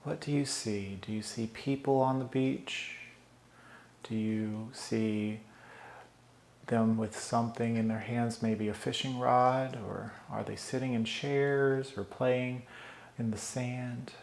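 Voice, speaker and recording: A man leading a guided meditation, giving calm, soothing breathing instructions with long pauses. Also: mid-range voice, vocal fry. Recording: roomy echo.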